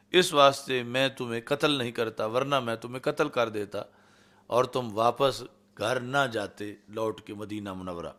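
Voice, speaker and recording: A man with a Pakistani Urdu accent delivers a hadith lecture in a mid-range voice. He recites Arabic passages slowly and deliberately, then explains them in Urdu. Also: medium pitch, fairly bright tone. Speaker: Islamic scholar teaching hadith.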